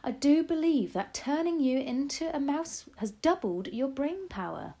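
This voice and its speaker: A woman's voice: high-pitched, expressive, measured pace, creaky, warm tone, voice pushed up, full character voice. A woman voicing an elderly grandmother who is loving, resourceful and emphatic, in a storybook reading. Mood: urgent, caring.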